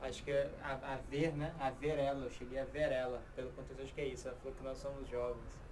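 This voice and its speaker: A man's voice: mid-range voice, level tone, quick pace, a little mellow, far from the mic, slight background noise. A man hosting a livestream, chatting casually and reading out viewer comments. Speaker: livestream host.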